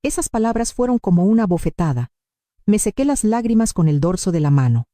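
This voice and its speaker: A woman narrating a dramatic story in the first person, steady and emphatic. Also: medium pitch, brisk, no room sound, clean studio sound.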